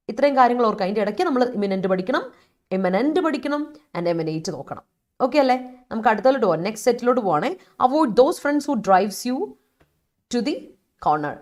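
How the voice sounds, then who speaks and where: A woman with a Malayali accent teaching English vocabulary in a live online class, calling students by name and reminding them often. She talks fast, then slows right down to read out each English example. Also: fairly high pitch, a little mellow. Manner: switches fast between Malayalam and slow, deliberate English examples. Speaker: English teacher for exam aspirants.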